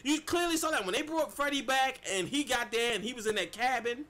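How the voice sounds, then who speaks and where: A man giving a casual, animated movie review, swearing freely and talking straight to his viewers. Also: extremely high pitch, fairly quick. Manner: animated, swears a lot, addresses viewers as y'all.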